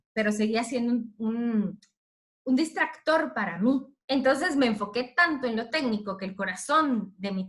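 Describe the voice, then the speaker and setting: A woman, a radio announcer telling an expressive story in a talk to teachers. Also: sits high. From Guatemala.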